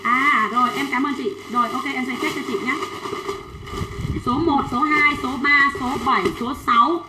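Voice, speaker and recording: A woman selling children's clothes on a livestream, chatting quickly and reading out sizes and buyers' names. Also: high voice, fairly even intonation, echoey room, background noise. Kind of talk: fast livestream sales pitch.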